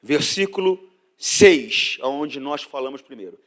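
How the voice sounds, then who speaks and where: A man preaching a sermon as pastor, drawing out scripture and rising to loud, emphatic peaks. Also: medium pitch, expressive. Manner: preaching with sudden loud emphatic rises and drawn-out scripture reading.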